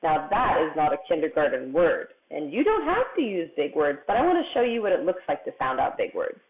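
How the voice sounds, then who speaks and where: A woman teaching a remote kindergarten writing lesson, patient and slow, stretching out the sounds of words for young children. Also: low voice, wildly swooping pitch. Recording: tinny phone-like audio.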